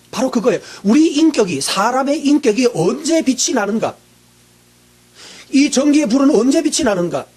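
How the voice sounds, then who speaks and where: A male pastor preaching a sermon, asking the congregation questions and answering them himself, often clearing his throat. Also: very high-pitched, darkish tone.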